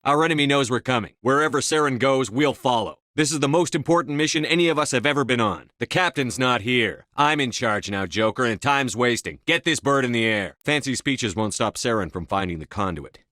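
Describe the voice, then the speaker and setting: An actor voicing a resolute, stern starship commander in a video game, with a firm, controlled, commanding delivery. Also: male voice, medium pitch, animated, a little fast, hardly any pauses, sharp tone.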